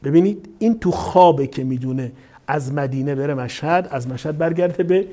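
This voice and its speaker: A middle-aged male cleric delivers a sermon in a somewhat high but dark, mellow voice. He tells stories animatedly, slipping into the quoted speakers' voices as he goes. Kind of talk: sermon with storytelling.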